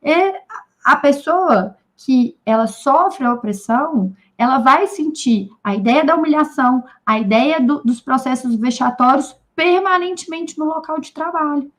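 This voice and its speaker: A woman with a high, bright-pitched voice gives an informal, lively talk to a room of teachers. She turns straight to her listeners again and again and slips into short bits of staffroom dialogue to make her points. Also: measured pace. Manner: animated, speaks straight to listeners. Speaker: researcher speaking at a teachers' union debate.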